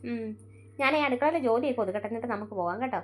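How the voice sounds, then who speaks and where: A middle-aged woman playing a mother in a family skit, brisk and scolding toward her kids. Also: on the high side, animated.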